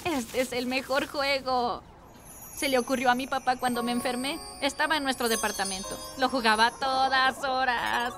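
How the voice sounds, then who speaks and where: A woman's voice: high voice, steady tone, normal speed. An actress voicing a quirky, carefree young woman in a cartoon, with a Latin American Spanish accent. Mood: casual, wistful. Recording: loud music behind.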